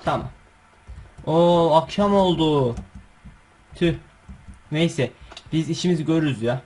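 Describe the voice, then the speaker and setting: A man hosting his gaming channel, giving chatty, excitable gameplay commentary full of coaxing calls and slangy asides. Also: on the high side, takes it slowly, slightly rough.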